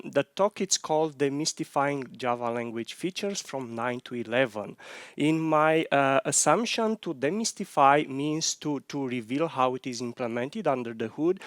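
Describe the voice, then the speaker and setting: A man's voice: medium pitch, dry recording, clean studio sound. A man in his thirties giving a technical conference talk on stage, speaking with frequent restarts. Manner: halting, frequent restarts, non-native phrasing. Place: large conference hall stage. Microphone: headset.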